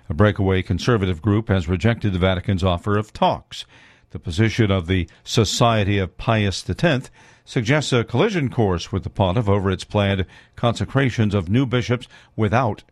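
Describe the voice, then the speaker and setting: A male radio news anchor reads the bulletin in a measured, steady voice that sits fairly low. The studio sound is dry and close, with no room echo. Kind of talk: scripted news reading.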